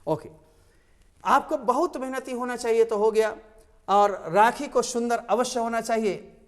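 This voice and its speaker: Male tutor, high voice, stresses and repeats words, reverberant classroom. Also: a little slow. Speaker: English teacher. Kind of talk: classroom lesson.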